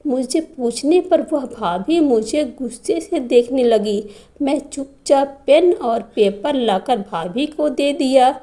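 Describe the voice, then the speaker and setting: A woman tells a first-person family story at an unhurried pace. Her voice sits high, yet its tone stays mellow and soft, and the reading remains steady and scripted. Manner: slow, even reading of a family drama.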